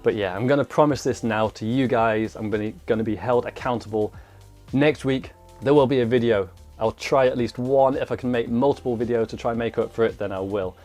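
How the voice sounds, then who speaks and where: Faint music plays behind a mountain bike trials rider as he chats informally with his vlog viewers. His mid-range voice is brisk and darkish, and he sounds slightly thick, as though the inside of his mouth were swollen.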